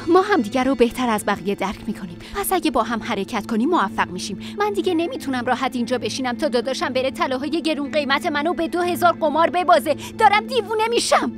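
A fed-up young woman snaps back at her family, bitter and worn out. Her voice is high, with music clearly under it. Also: expressive, few pauses. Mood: exasperated. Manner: bitter, exasperated. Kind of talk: Persian dub of a TV series.

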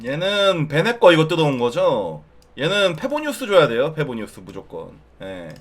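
Guy streaming, reviewing a viewer's game account, teasing and ranting, high voice, swings up and down a lot. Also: normal speed. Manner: animated, exasperated rants with mild swearing; teasing, talks to viewers directly. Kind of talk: casual live-stream commentary.

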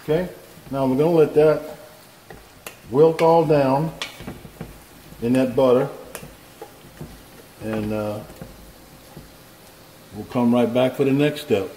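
A man hosting a casual home cooking show speaks slowly in a warm, medium-pitched voice with fairly even intonation and long pauses, guiding the viewer step by step in a folksy way at his stove. Shot from above the stove with his hands in frame, the recording echoes and catches faint pan noise.

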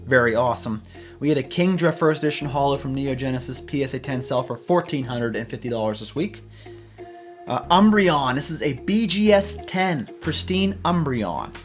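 American man in his thirties, host, loose and conversational, faint music underneath. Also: mid-range voice. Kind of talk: casual commentary on card sales. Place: small room with shelves of collectibles.

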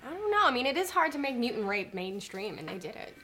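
Bright, sassy young woman hosting. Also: on the high side, big pitch swings, fast talker, slight background noise. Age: young adult. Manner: sassy, teasing. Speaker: host. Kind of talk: casual horror-comedy chat. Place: indoor horror-themed studio set. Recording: faint music behind the voice.

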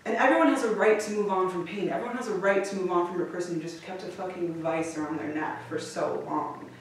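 A woman's voice: lowish voice, fast, a little hiss or hum. A woman telling a personal story to a live audience, candid and swearing freely, laughing often. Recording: echoey room from a distance.

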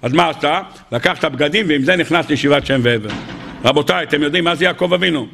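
A man's voice: fairly high pitch, creaky, a little hiss or hum. A man with an Israeli Hebrew accent telling stories in a sermon, acting out the people he quotes in a raised voice. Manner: acts out quoted figures in a raised voice, addresses listeners as gentlemen. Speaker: rabbi giving a weekly Torah talk. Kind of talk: animated sermon storytelling.

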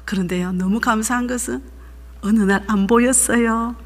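A woman's voice: on the high side, steady tone, moderate pace, a little hiss or hum. A woman, a pastor's wife giving an emphatic, fervent sermon testimony. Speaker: pastor's wife leading a seminar. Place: church sanctuary. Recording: echoey church hall.

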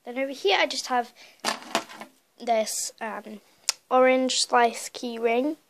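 This croaky, high-pitched young girl is hoarse from a cold and speaks slowly as she casually tours her makeup collection. A chatty beauty vlogger, she rambles with many fillers. She is recorded indoors in her bedroom on a hissy handheld phone.

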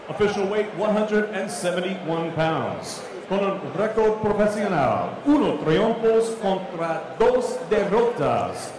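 A middle-aged man announcing a boxing bout in a formal bilingual lucha libre announcer manner, drawing out names theatrically. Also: high-pitched. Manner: theatrical, drawn-out names and phrases. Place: boxing ring in an indoor arena. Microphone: handheld microphone through PA. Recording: echoey arena PA, reverberant, noisy.

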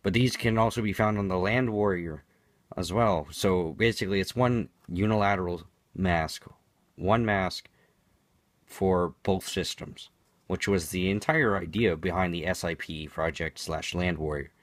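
A man's voice: sits low, unhurried, no room sound. A man giving an unscripted product demonstration in a matter-of-fact, explanatory way, as a reviewer.

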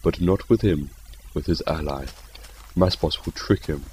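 Man doing a scheming game villain; deep, murmured, theatrical menace. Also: measured pace, darkish tone, slight background noise, low-quality recording.

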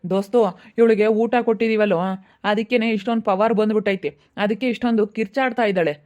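Scolding female captor, played by a woman, flat delivery, Chitradurga Kannada accent. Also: medium pitch, fairly quick, close to an everyday voice. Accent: Kannada, Chitradurga region. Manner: scolding, taunting, flat threats. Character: bitter female captor scolding her prisoner. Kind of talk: amateur village drama.

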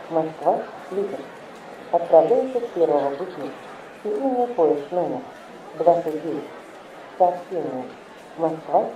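A man making formal railway station announcements in measured, segmented phrases, in the manner of an airport announcement. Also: on the high side, far from the mic. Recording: muffled, echoey station loudspeaker, noisy crowd.

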